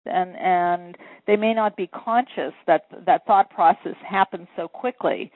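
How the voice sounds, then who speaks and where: A sales coach and author, she gives earnest, step-by-step encouragement in a phone interview, her voice on the low side and unhurried. There's no room sound, just the thin, tinny quality of a telephone connection.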